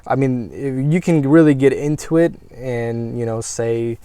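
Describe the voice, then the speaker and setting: Mellow American man, easygoing talk. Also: mid-range voice, unhurried, smooth, dry recording. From United States. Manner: hesitant, many ums and restarts. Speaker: guest. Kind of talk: casual conversation.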